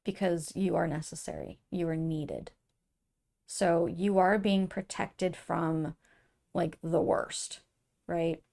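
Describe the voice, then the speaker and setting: A woman reads tarot cards for her viewers in a soft, earnest way, pausing and restarting as she goes. Her voice carries a gravelly fry, and she takes her time over every phrase. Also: lowish voice, steady tone. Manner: soft, earnest and emotional, with many fillers and restarts. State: tearful at times. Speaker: tarot reader. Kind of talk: intuitive tarot reading to camera.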